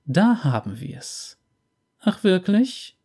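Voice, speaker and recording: A man reads the dialogue of a video game aloud and drops in dry, low-key remarks. He speaks slowly, in a mellow, dark tone. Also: very animated, vocal fry, slightly rough. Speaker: game player reading dialogue. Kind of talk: let's play reading.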